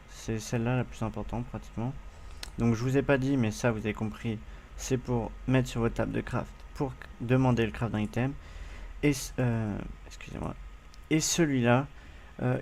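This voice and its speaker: A man's voice: mid-range voice, a little mellow, a little hiss or hum. A man with a French accent hosting a game tutorial, speaking casually with many fillers and hesitations as he addresses viewers. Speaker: gaming tutorial host.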